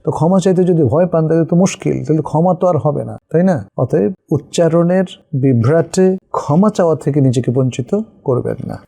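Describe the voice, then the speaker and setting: Gravelly, very dark-voiced Bangladeshi man. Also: on the high side, lively intonation, normal speed. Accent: Bangladeshi Bengali. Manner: patient, explanatory, checks understanding with tag questions. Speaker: Islamic scholar answering viewers' questions. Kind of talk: religious question-and-answer session.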